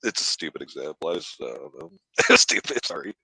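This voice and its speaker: A man's voice: extremely low pitch, very animated, fairly quick, gravelly, bright, forceful tone, dry recording, poor audio. A man co-hosting a casual chat on a video call, blunt and joking, swearing freely. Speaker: co-host.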